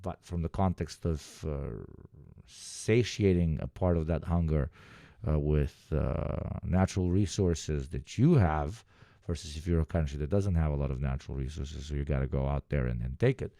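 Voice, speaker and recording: A man's voice: rumbling low, moderate pace, warm tone, dry recording, clean studio sound. A man hosting a livestream, chatting casually and giving sardonic, rambling political commentary with sweary asides. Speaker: livestream host.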